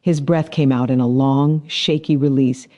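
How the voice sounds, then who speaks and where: A man narrating a science fiction story in a measured, dramatic storytelling manner. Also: mid-range voice, steady tone, mellow, dull audio. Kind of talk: scripted narration.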